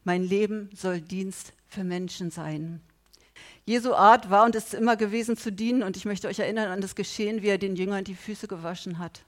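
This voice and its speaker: A middle-aged woman preaching a sermon with passion, moving between loud appeals and quiet, low emphasis. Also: fairly even intonation, brisk. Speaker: pastor.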